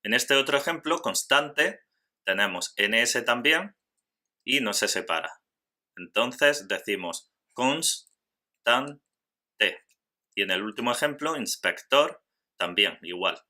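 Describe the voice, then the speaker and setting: A man teaching a grammar lesson in scripted narration, slowly and carefully spelling out syllables. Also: medium pitch, animated, bright, forceful tone.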